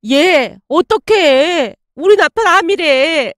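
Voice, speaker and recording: A woman voicing a tearful middle-aged woman who is the mother's friend, talking slowly in a high, sobbing voice. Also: lively intonation, fairly bright tone, no room sound, studio quality.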